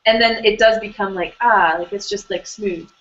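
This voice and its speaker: A woman's voice: mid-range voice, fairly even intonation, moderate pace, fairly bright tone, dull audio. A woman hosting an online hangout, talking casually and rambling with lots of fillers and restarts. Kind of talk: casual conversational interview.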